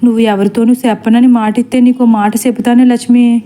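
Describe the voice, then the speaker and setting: A woman voicing a rough village servant man who shouts and stammers with fear. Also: on the high side, level tone, brisk, close to an everyday voice. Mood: alarmed. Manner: loud, rustic, stammering when afraid. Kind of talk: storybook acting.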